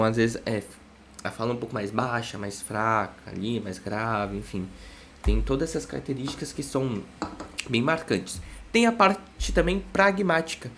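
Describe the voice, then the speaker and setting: A man's voice: mid-range voice, slight background noise. A young man, a psychologist giving a casual explanatory lesson, full of "né?" checks with his listeners. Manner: chatty, constant "né?" tag questions.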